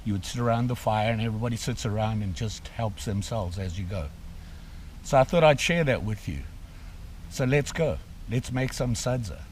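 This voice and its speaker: A middle-aged man from Zimbabwe, chatting casually through an outdoor cooking vlog in snowy woods, relaxed and full of fillers. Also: lowish voice, moderate pace, slight background noise. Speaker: outdoor vlogger.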